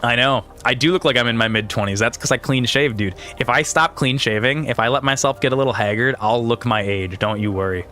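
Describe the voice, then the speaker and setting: This thirtysomething streamer and gaming video creator talks briskly with few pauses, his mid-range voice bright and forceful. Faint music plays behind his rambling, slangy, exclaiming gameplay commentary, peppered with "dude."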